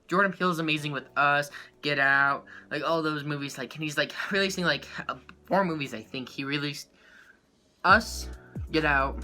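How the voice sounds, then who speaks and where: A man giving a rambling, excitable life update to his viewers as a small YouTuber, full of fillers and quick laughs. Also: a little high. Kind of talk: casual chat to camera.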